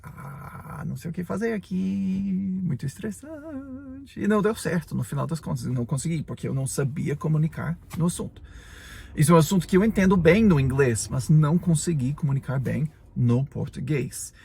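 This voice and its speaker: This gravelly, husky voice belongs to a man in his forties, a native English speaker teaching English on a podcast in Portuguese. His pitch runs on the high side with a slightly mellow tone, and he keeps things chatty, frequently adding small check-ins to his sentences.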